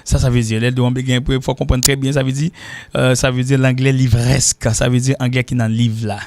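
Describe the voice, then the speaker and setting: A Haitian-accented man teaches English in a loose, chatty way, full of restarts. He repeats short English phrases again and again as slow drills, his voice sitting in an ordinary middle range. The sound is close and dry, with no room around it. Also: medium pitch, little pitch movement, a little mellow, no room sound. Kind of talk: casual spoken lesson.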